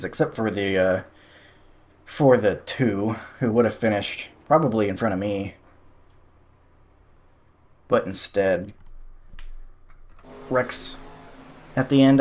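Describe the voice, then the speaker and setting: A young man giving casual, sarcastic commentary over a sim racing replay, exasperated at the calls. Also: medium pitch.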